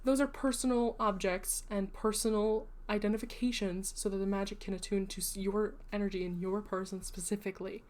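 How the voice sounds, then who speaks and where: A woman's voice: medium pitch, steady tone, fairly quick, hardly any pauses, darkish tone. Chatty woman streamer rambling with asides. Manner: rambling and self-deprecating, with frequent asides; chatty and explanatory, addressing viewers. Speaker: livestream host. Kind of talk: casual livestream chat.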